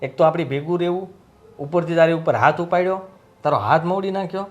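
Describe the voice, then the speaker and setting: A man's voice: fairly high pitch, brisk, dull audio, close to an everyday voice. A man playing a young husband who scolds his mother in a family drama. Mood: aggrieved. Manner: indignant, scolding. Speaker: son and husband.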